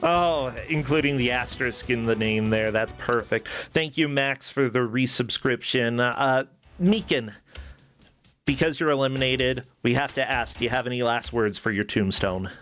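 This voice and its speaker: A livestream show host chats in a casual, effusive, informal way, his medium-pitched voice a bit bright at a moderate pace. Background music plays behind him.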